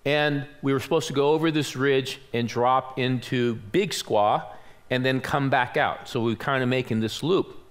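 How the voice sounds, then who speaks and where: A man's voice: medium pitch, moderate pace. A man in his sixties preaching a sermon in a church. He tells a story with self-deprecating humor and acts out the voices of the people in it. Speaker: pastor. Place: church sanctuary.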